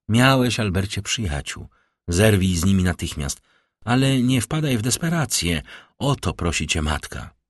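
Tender, resolute noble mother from a classic novel, read by a man with a very deep, low voice. Soft and earnest. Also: breathy edge, no room sound, clean studio sound, exaggerated voice.

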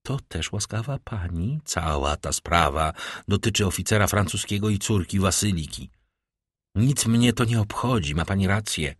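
A man's voice: low voice, moderate pace, breathy edge, no echo, clean studio sound. A man doing a cold vengeful count. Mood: bitter. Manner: icy calm, bitter irony. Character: cold vengeful nobleman, middle-aged, bitterly ironic.

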